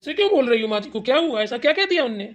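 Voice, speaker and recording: A woman's voice: high voice, lively intonation, very fast, dull audio, pitched below the performer's own voice. A woman voicing a lazy, easygoing husband in a cartoon, placating his angry wife. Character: lazy grown son eating, mild husband. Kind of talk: cartoon voice acting.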